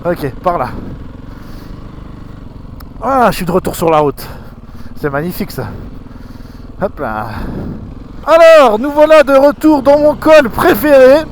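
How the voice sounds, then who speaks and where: A man with a Swiss French accent, vlogging from a helmet camera while riding in snow, excitable and swearing, laughing often. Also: very high voice, unhurried, pauses often, a little hiss or hum. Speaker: motorcycle vlogger. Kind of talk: helmet-cam vlog commentary. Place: outdoors riding a motorcycle in snow. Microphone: helmet camera mic.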